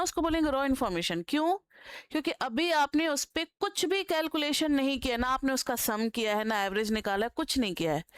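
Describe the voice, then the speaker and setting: A woman's voice: high voice, clean tone, no room sound. A woman with an Indian accent teaching an online economics class, explaining step by step, asking students questions and dictating notes word by word. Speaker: economics tutor. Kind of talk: online lecture.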